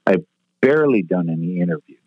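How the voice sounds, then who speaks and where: A man's voice: low-pitched, lively intonation, fairly quick, husky, no echo. A man in his sixties, a retired stage manager, telling stories in a brash, profane way. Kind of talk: casual storytelling interview. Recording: tinny phone-like line, dry.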